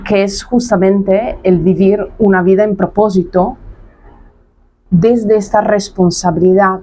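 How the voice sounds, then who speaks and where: A woman's voice: fairly low pitch, dark tone. A woman in her thirties, a coach talking straight to camera in a casual monologue, emphatic and blunt, repeating her points and dropping slang. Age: 30s.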